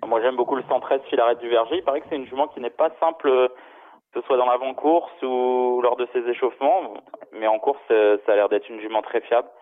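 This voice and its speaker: A man on a phone line into a radio show, giving racing tips in a measured way with frequent hesitations. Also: mid-range voice. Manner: measured, steady picks with frequent hesitation fillers. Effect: heard over a phone line into the studio. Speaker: horse racing tipster. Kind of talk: casual radio betting chat.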